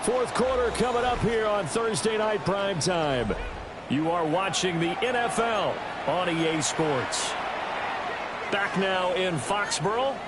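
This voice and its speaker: A man with an American accent voicing a brisk, animated TV football play-by-play announcer in a video game. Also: high voice, heavy background noise. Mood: engaged, announcing. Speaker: play-by-play commentator.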